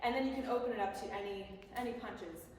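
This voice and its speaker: Female boxing coach, casual instructional delivery, slightly high voice, recorded off-mic in a heavily echoing hall. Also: quick pace, darkish tone. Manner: casual, conversational explaining. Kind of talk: instructional talk on bag drills. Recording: echoey hall, distant mic, faint noise.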